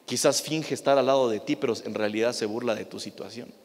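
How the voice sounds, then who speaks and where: A man, a pastor preaching an animated sermon and asking the congregation rhetorical questions. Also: mid-range voice, quick pace. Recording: long reverb of a church hall.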